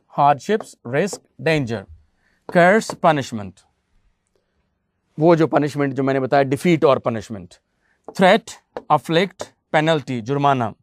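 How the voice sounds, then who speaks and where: A man teaches English vocabulary in an unhurried, deliberate way, reading out long lists of synonyms and spelling words letter by letter. His voice sits a little high for a man, and the recording is dry, with no room echo. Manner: addresses students fondly as "beta". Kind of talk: classroom vocabulary lesson.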